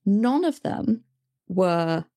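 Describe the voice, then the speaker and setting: A woman hosting an interview, chatting relaxed and telling a short anecdote. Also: mid-range voice, extremely slow, dry recording. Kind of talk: casual conversational interview.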